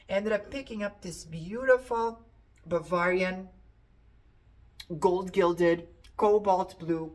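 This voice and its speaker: A woman's voice: medium pitch, a bit bright. A middle-aged woman chatting to camera about an antiques haul, repeating words for emphasis. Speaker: antiques reseller showing a haul. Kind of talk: casual chat to camera.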